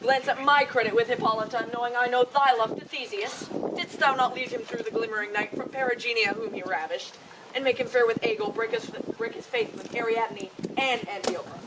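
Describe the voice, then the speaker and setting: A woman's voice: a little high, steady tone, brisk, natural voice. A woman playing a jealous, commanding male fairy king in hammy, declamatory Shakespearean stage style. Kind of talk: theatrical Shakespeare stage performance. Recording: noisy live stage, distant microphone.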